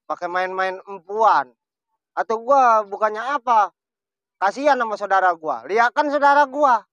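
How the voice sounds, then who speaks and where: Bright sulky man. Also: high voice, moderate pace, dry recording, lo-fi sound. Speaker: comedy sketch actor, the rival. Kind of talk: Betawi comedy sketch banter.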